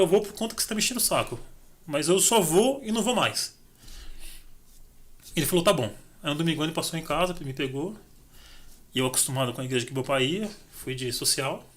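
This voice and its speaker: A middle-aged man, a podcast guest telling his life story in casual chat and acting out the dialogue. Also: a little high. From Brazil. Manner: animated, acts out dialogue in his stories.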